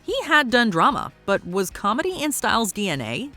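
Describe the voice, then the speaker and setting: A woman's voice: fairly high pitch, wildly swooping pitch, normal speed, pushed and bright, soft background music. A woman delivering upbeat scripted commentary as the narrator of a countdown video.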